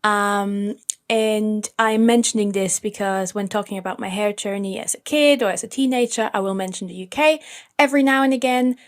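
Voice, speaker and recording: A woman in her thirties from Austria co-hosts a casual podcast chat. She speaks in a relaxed, supportive way, and her asides are soft-spoken. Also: mid-range voice. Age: 30s. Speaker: podcast co-host.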